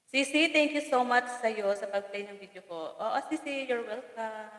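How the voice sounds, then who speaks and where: A woman's voice: fairly high pitch, normal speed, fairly bright tone. Bicolano woman live-streaming on her phone, chatty and teasing, laughing a lot; long-tailed echo around her. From Bicol region, Philippines. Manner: chatty and teasing, laughs often, stumbles over names. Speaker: farm vlogger hosting a live stream. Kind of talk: casual live-stream chat reading viewer comments. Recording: echoey room with long reverb.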